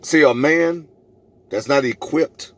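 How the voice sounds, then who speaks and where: Speaking slowly in a slightly high, fairly bright voice, a middle-aged man tells a personal story in his vlog. He's emphatic and preachy, repeating phrases for effect and voicing both sides of the arguments he re-enacts.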